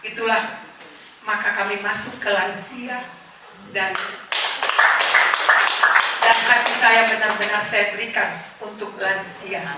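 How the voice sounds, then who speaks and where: A woman's voice: medium pitch, fairly even intonation. Earnest woman in her 70s, echoey hall. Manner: earnest, heartfelt, with short pauses. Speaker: church member giving testimony. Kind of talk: personal testimony at a church gathering. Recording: echoey hall, distant mic, background noise.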